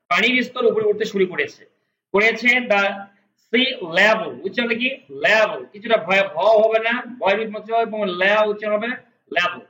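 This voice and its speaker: Bright-voiced man teaching English, echoey room. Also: high voice. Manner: explains slowly, repeating English words and translating each. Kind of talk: spoken English lesson.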